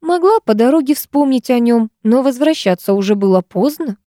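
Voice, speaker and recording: A woman voicing a calm, measured male psychologist who speaks slowly and soothingly. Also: a little high, no echo, studio quality, voice pushed up, natural voice.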